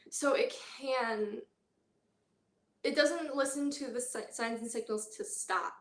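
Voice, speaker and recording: Woman vlogger, slightly high pitch, candid and halting delivery, echoey room sound. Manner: candid, halting, many fillers and pauses. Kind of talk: personal health vlog.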